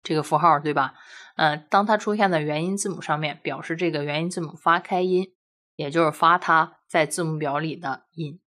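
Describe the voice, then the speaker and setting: A woman with a low-pitched voice gives a recorded language lesson. She explains patiently, step by step, and keeps checking in with rhetorical questions. Now and then she slowly sounds out practice syllables for her students. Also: steady tone, fairly bright tone. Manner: drills syllables aloud slowly. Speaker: language teacher.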